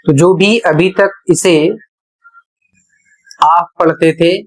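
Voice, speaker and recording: Slow, deliberate pronunciation teacher. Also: medium pitch, steady tone, faint music behind, rough recording. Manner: spells words letter by letter, deliberate and explanatory. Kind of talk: pronunciation lesson.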